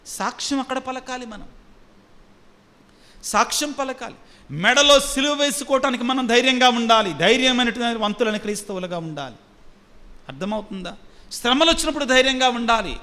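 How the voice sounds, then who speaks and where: High, bright-voiced preaching priest. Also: male voice, brisk, long pauses. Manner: emphatic preaching, repeating phrases and asking the congregation questions. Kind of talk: sermon. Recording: long hall reverb.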